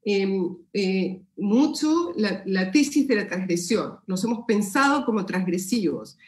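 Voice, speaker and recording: A mid-range, expressive voice, unhurried and reverberant, belongs to a woman from Peru lecturing in sociology. She answers seminar questions in Spanish with her Peruvian accent, thoughtfully, and with frequent fillers and restarts.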